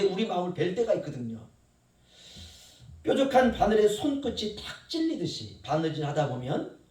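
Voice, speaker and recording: Animated middle-aged pastor in an echoey church. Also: male voice, high-pitched. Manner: animated, conversational preaching with acted quotes. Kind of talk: sermon. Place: church sanctuary. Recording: roomy church echo, mic at a distance.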